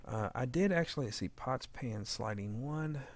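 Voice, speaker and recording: This fan audio drama sound editor has a mid-range, expressive voice and talks a little slowly. He chats casually through a screen-recorded editing demo as he works, frequently muttering file labels to himself. The recording carries faint background noise and clicking.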